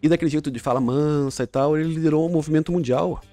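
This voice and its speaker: A man's voice: on the high side, fast, dark tone, no room sound, faint music behind. A middle-aged man, a podcast guest coaching on communication, explaining with examples and frequent restarts. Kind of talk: casual podcast chat.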